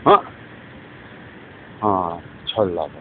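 A man's voice: deep voice, sing-song, drawn-out words. A man from South Korea delivering a disjointed, repetitive rambling rant as a vlogger. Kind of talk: rambling spoken monologue. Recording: tinny phone-like recording with faint noise.

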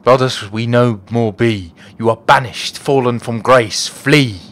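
A man's voice: mid-range voice, fairly even intonation, a little slow, fairly bright tone. A man reading the lines of a stern, proud male warrior elder in a video game, solemn and rousing.

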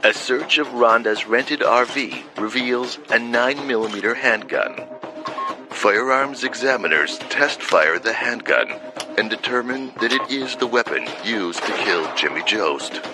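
A man reading a scripted true-crime documentary narration in a measured voice. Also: mid-range voice, expressive. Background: documentary music.

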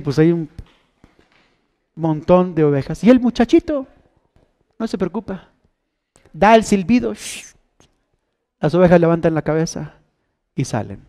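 High-voiced pastor preaching. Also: male voice. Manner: call-and-response questions to the congregation; swings from hushed, low lines to loud, stretched calls. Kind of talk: sermon.

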